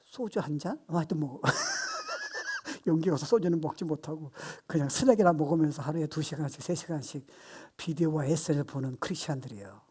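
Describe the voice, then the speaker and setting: A man in his sixties preaching a sermon as pastor, animated and playful, acting out voices and laughing at his own jokes. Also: on the high side, brisk, breathy edge.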